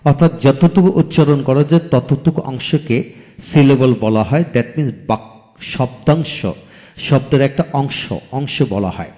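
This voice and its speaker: Man, teacher, mellow voice, slow repeated drilling, long reverb. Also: medium pitch. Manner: slow drilling, repeats each word twice. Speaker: English teacher. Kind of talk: video lecture.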